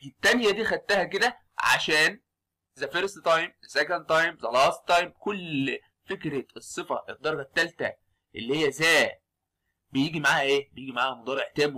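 An English teacher with an Egyptian Arabic accent rushes through an exam review of grammar, constantly firing quick questions at his students. His voice is fairly high and sharp.

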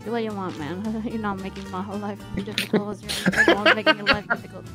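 A woman's voice: medium pitch, quick pace. A woman streaming a game, chatting casually with a playful, bratty edge and plenty of swearing. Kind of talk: casual gaming chat. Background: game music.

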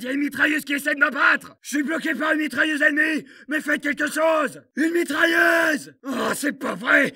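An actor playing a frantic, foul-mouthed French Resistance fighter, yelling urgent combat barks for a video game. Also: male voice, extremely high pitch, far from the mic, full character voice.

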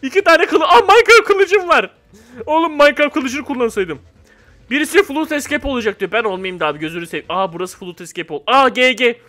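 A young man giving casual gameplay commentary, excitable and loud at times, then dropping to a flat mock-calm mumble. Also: very high-pitched, fairly quick. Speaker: gamer.

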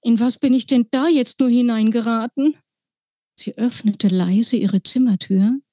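A woman author reading her children's book aloud in a slow, deliberate storytelling manner. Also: mid-range voice, darkish tone, no room sound.

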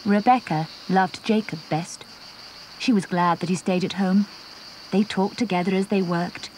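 A woman narrating a children's Bible story in a simple, clear storytelling manner. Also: mid-range voice, fairly even intonation, unhurried, a little mellow, a little hiss or hum.

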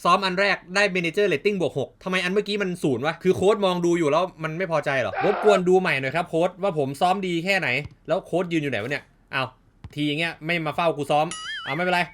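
Excitable man calling his own football game. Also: fairly high pitch, fast talker, background noise. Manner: excitable, swears freely, sports-caster calls. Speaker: gaming YouTuber. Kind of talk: casual gameplay commentary.

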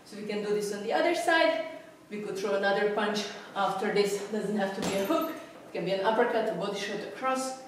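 A woman's voice: medium pitch, fairly quick. A young woman coaching boxing in short instructional bursts while punching a heavy bag in a gym. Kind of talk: instructional demonstration. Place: large boxing gym, indoors. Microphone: distant camera. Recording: very echoey gym, distant mic, faint noise.

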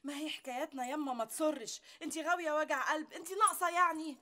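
A woman's voice: high voice, racing, pushed and bright. A woman with an Egyptian accent playing a frustrated, complaining wife who longs for a child in a TV drama. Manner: complaining, reproachful. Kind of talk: TV series acting.

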